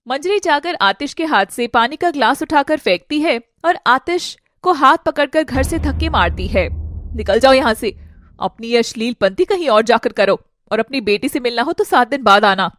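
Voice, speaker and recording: A woman's voice: high voice, no echo, clean studio sound. A woman voicing a cruel, scornful ex-wife in an audio drama, sneering and hurling insults. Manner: sneering, abusive, shouting insults.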